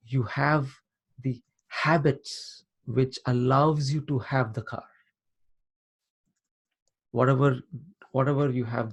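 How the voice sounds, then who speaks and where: A man with a husky, slightly breathy voice leads a live coaching session over a video call. He explains step by step, circles back to repeat his key points, and keeps checking that his listener is following. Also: mid-range voice. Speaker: life coach.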